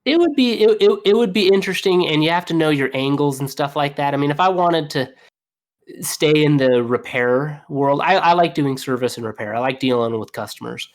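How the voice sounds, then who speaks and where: A young plumber guests on a podcast, swapping casual shop stories in a slightly high voice at a brisk clip. He's animated and lively, laughs easily, and keeps tossing in "you know" as fillers.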